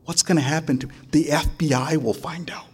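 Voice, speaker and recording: High-voiced animated male preacher. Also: brisk, husky. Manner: animated storytelling, frequent "right?" asides. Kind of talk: sermon.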